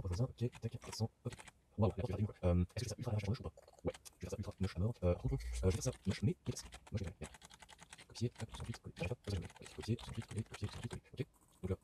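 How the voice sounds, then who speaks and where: Deep-voiced man coding and thinking aloud. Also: background noise. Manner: rambling, self-mocking, frequent swearing and fillers. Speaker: game developer tutorial host. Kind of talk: casual thinking-aloud screen tutorial. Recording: keyboard typing and clicks behind.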